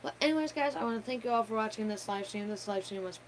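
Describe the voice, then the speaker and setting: A woman's voice: fairly high pitch, fast, slight background noise, low-quality recording. A woman hosting a gaming channel, giving an unscripted live-stream game theory talk, rambling with many fillers and self-corrections.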